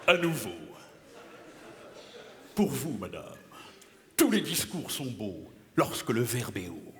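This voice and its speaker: A man playing a boastful, pompous male playwright who declaims loudly and theatrically on stage. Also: big pitch swings, takes it slowly. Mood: grandiloquent. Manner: booming theatrical declamation, swings from shrill to low mutter. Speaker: stage comedian. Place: live stage in a theater hall. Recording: echoey hall, loud crowd and noise.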